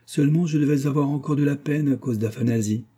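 Dark, husky male audiobook narrator. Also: medium pitch, fast talker. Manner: expressive, reads dialogue with voices. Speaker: audiobook reader. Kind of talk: scripted narration of a novel.

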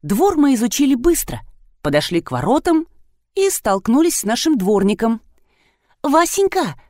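A woman narrating a comic audiobook in an expressive, storytelling manner. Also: fairly high pitch, normal speed, no room sound, studio quality. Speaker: audiobook reader.

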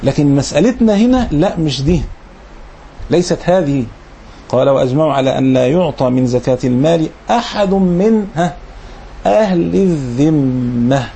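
A man's voice: on the high side, warm tone, slight background noise. A man with an Egyptian accent teaching a religious lesson. He reads formal passages, then explains them in colloquial asides and repeats key phrases. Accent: Egyptian Arabic. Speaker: Islamic lecturer.

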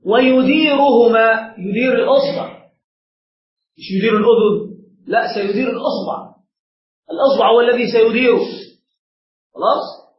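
A man's voice: very high voice, moderate pace, pauses often. A man, a sheikh, explaining a religious text step by step and quizzing the seated students in front of him. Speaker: sheikh teaching a religious lesson. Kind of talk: classroom lesson explaining a text. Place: lesson room with seated listeners. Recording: echoey room, dull lo-fi sound.

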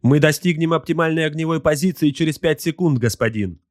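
A man doing a servile war slave on a starship bridge, his voice pitched up high and tight as he reports in clipped, formal bursts. The read is close and dry. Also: brisk, no room sound, close to an everyday voice. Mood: urgent. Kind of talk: audiobook character voice.

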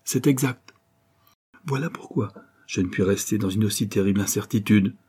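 A man's voice: fairly low pitch, normal speed, darkish tone, breathy edge. A man voicing a distraught young woman, a grieving banker's daughter, in a pleading, emphatic audiobook reading.

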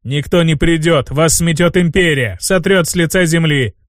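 A man's voice: a little high, normal speed, no echo, studio quality, natural voice. A man playing a haughty roaring demon. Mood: commanding. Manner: commanding, contemptuous.

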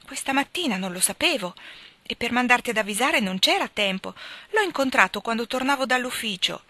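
A woman's voice: medium pitch, lively intonation, moderate pace, sharp tone, no room sound. A woman voicing a kind, mild young husband who coaxes and grows exasperated, read in a storybook. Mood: flustered coaxing. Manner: coaxing, then exasperated.

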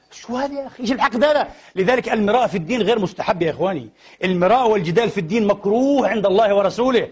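Male preacher, husky voice, fast and high-pitched delivery, dull lo-fi recording. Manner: impassioned, rising to exclamations; mixes formal Arabic with colloquial Levantine phrases. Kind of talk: Friday sermon. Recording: dull lo-fi MP3 sermon recording.

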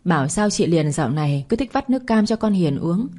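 Hissing, scolding mother-in-law, low breathy voice, voiced by a woman narrator. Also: expressive, brisk, a little mellow. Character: sharp-tongued mother-in-law.

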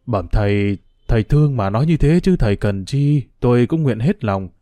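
A man's voice: medium pitch, animated, normal speed, dark tone, no echo, lightly acted. A man doing a fretful old boatman. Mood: deferential. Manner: deferential, fretful exclamations. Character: humble older male ferry boatman, anxious.

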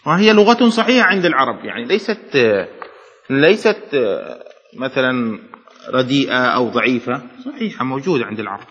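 Lively male teacher in an echoey hall. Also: medium pitch, fairly quick. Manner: repeats key terms and checks understanding often. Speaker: Islamic law teacher. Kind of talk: classroom lecture explaining a text. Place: classroom with a board. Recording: dull echoey hall sound.

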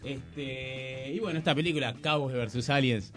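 An Argentine man reviewing new films on a radio show, relaxed and full of hesitant fillers. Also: medium pitch, moderate pace, soft background music. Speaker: film critic on a radio show.

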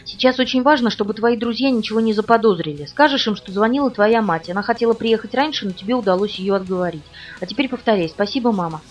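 A woman reading the lines of a calm, falsely polite male villain on the phone in an audiobook. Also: mid-range voice, fast, few pauses, close to an everyday voice. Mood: cold, polite menace. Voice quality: pleasant tenor, falsely polite. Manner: calm, commanding, mocking. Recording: dull, distant recording with faint music.

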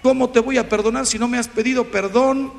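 A Mexican priest in his fifties giving a lively, humorous talk with a Mexican Spanish accent, acting out the voices he quotes. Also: very high voice, a little fast, creaky, long reverb tail. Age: 50s.

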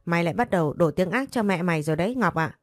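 A woman voicing a harsh middle-aged mother who scolds her daughter in quick, cutting bursts. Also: lowish voice, lively intonation, dry recording, clean studio sound, soft background music, lightly acted. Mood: scolding. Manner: sharp, rapid scolding.

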